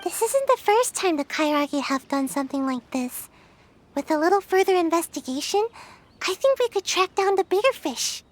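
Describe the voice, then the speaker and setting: Very high-pitched, bouncy, drowsy young girl ninja, offhand, teasing, game voice. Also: animated, moderate pace, a little hiss or hum. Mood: reflective. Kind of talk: game voice acting.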